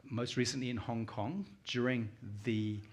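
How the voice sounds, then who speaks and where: With slight background noise behind him, a middle-aged British-accented man presents as a conference guest in an unhurried, mid-range voice with fairly level intonation. Originally born in Uganda and from the United Kingdom, he talks informally, drawing on personal anecdotes and putting questions to those listening.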